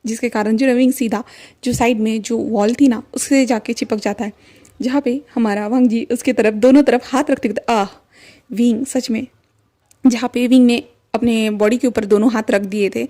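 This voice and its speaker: Woman storyteller, chatty fan-fiction narration, higher voice with a mellow warmth. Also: fairly even intonation, normal speed. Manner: chatty, heavy with fillers and English words.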